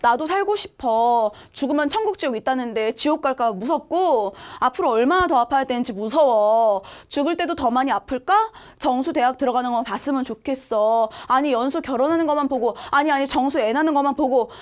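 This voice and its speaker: A woman reading aloud the lines of a dying middle-aged mother from a drama script, slow and tearful. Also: high voice, lively intonation. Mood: grieving.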